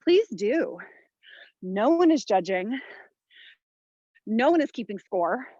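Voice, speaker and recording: Woman fitness instructor, higher voice, motivational short cues and counts, exerting as she talks, dry slightly dull recording. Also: big pitch swings, takes it slowly, warm tone, no room sound. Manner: exerting while talking, audible breaths and sighs. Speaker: fitness instructor, workout host. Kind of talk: instructing a follow-along home workout.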